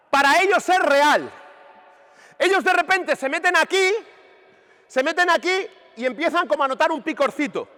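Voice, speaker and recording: A man coaching basketball players on court, animated and emphatic, firing questions at them as he demonstrates. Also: extremely high pitch. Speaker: basketball coach running a clinic. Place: large indoor sports hall. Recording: reverberant gym recorded from a distance.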